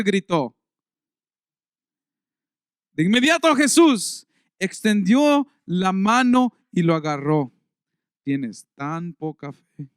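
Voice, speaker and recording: A pastor preaching a conversational sermon in a church service, reading scripture aloud with rising emphasis. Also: male voice, high-pitched, fairly bright tone, clear, resonant tone, no room sound, studio quality.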